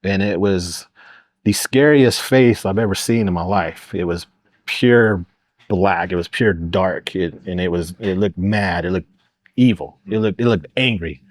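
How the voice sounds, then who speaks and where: A middle-aged Oklahoma man, appearing as a podcast guest, tells casual stories in a low voice at a measured pace with no echo. He rambles, filling his talk with lots of "uh" and "you know."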